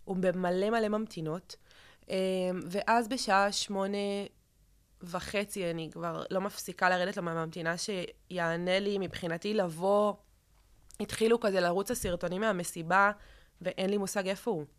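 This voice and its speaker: A young woman telling a guest's personal story in an interview, halting, with many fillers and restarts. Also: mid-range voice, fairly even intonation. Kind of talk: emotional personal account in an interview.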